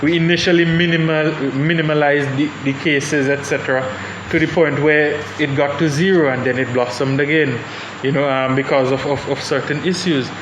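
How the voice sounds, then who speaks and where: A young man from Saint Vincent and the Grenadines, speaking in a panel discussion, has a slightly high voice with a steady tone at normal speed and few pauses. His delivery is thoughtful yet hesitant and full of restarts. The room is echoey, with background noise.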